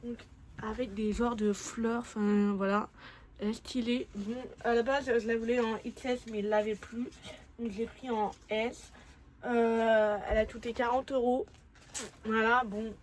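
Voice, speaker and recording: A woman's voice: fairly high pitch, level tone, unhurried, a little hiss or hum, rough recording. A young woman chatting casually in a travel vlog, full of fillers and self-corrections. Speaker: vlogger.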